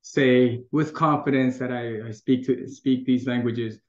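Speaking a little slowly, the middle-aged Taiwanese guest has a mid-range, slightly mellow voice with fairly even intonation. His casual interview manner is reflective, full of restarts and easy laughter. Echo fills the room, and the recording sounds dull and lo-fi.

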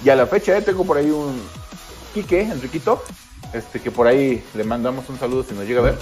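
A middle-aged man chats on a podcast at an ordinary pitch. He is slangy and animated and jumps into higher voices when he quotes people. Faint music plays behind him. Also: fast. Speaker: podcast co-host. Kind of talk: casual podcast chat.

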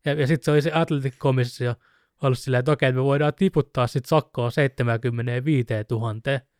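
A man's voice: mid-range voice, smooth, no echo, clean studio sound. Chatty man telling a story. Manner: animated storyteller, mimics shouting with laughs. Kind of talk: casual chat about fighting sports.

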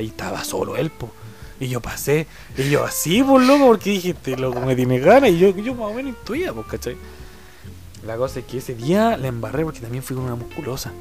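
Man, Chilean accent, twenties, casual storytelling, acts out voices, very animated pitch. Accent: Chilean Spanish.

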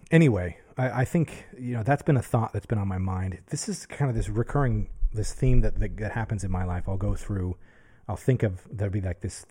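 A man in his thirties talks to his camera in a rambling, self-searching way, often restarting his thoughts. His voice is fairly low and mellow. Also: husky. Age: 30s. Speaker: podcast host. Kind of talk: casual reflective monologue to camera. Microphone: talking to a camera.

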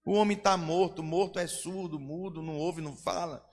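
A sneering scholar mocks the very idea of a miracle in a low, dismissive mutter, as a preacher briefly puts him on. The voice sits high for a man. A long reverb from a church hall trails behind every word. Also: normal speed, a little mellow, natural voice. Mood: scoffing. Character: sneering male religious scholars mocking a miracle.

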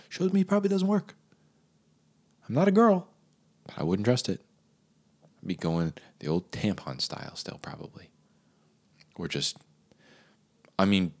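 Animated man on a comedic rant. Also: sits low. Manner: animated, incredulous riffing with many fillers.

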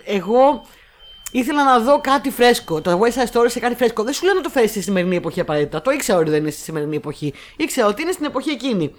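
Woman co-host, casual chat, sarcastic and animated, mimics quotes. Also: on the high side. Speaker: podcast co-host. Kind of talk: casual chat reviewing films.

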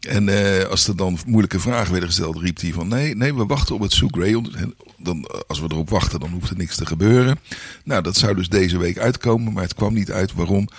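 A man's voice: deep voice, fairly quick, hardly any pauses, breathy edge, dry recording. A man in his sixties co-hosting a podcast in casual chat, rambling and playful with many restarts. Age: 60s. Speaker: podcast co-host.

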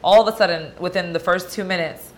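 A woman's voice: on the low side, quick pace, slight background noise. A woman in casual panel chat, telling an anecdote animatedly.

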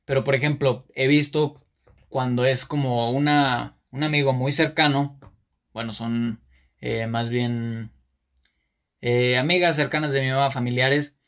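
Rambling Mexican podcast host. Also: male voice, medium pitch, steady tone, normal speed, a bit bright. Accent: Mexican Spanish. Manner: rambling, self-correcting with many fillers. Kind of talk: casual monologue.

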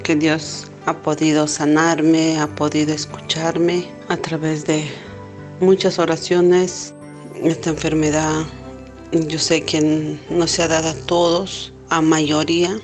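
A middle-aged woman telling an emotional personal testimony, halting and repeating words, with many filler questions. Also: deep voice, little pitch movement, faint music behind. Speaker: testimony giver.

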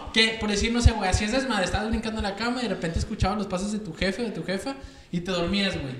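A young Mexican man in casual chat, animated and joking, often restarting his words, full of slang. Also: high-pitched, racing, roomy sound, a little hiss or hum.

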